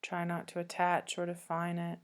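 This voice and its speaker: A female yoga teacher leads a guided meditation in a calm, gentle manner, pausing at length between her soothing instructions. Her pitch is fairly low.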